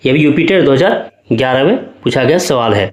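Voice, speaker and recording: A man's voice: mid-range voice, lively intonation, fairly quick, echoey room. A male teacher explaining exam questions step by step and often checking that his students follow. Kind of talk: exam-prep lesson.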